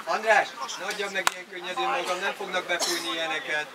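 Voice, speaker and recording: A man playing football, shouting short urgent instructions to teammates during a match. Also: high-pitched, little pitch movement. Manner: terse urgent calls to teammates. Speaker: football player. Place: outdoor football pitch. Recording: distant mic, loud crowd noise.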